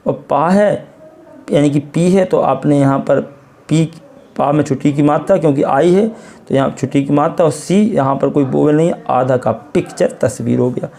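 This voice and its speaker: Speaking at a normal speed in a slightly high, gravelly, warm voice, an Indian man with an Indian accent patiently leads a step-by-step phonics lesson in English reading. He repeats words and quizzes the listener, classroom style.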